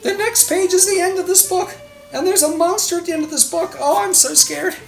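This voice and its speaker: A woman's voice: extremely high pitch, gravelly, faint music behind, pitched above the performer's own voice, poor audio. A woman voicing Grover, a timid furry monster who begs and pleads in a frantic storybook reading. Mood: frantic pleading. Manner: frantic, pleading, drawn-out begging. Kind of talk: storybook read-aloud.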